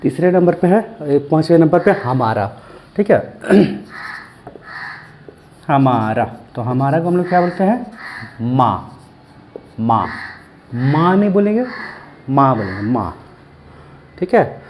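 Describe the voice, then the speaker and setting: A man giving a language lesson, slowly repeating each word and asking and answering his own questions. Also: on the high side, big pitch swings, darkish tone, a little hiss or hum. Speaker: language teacher.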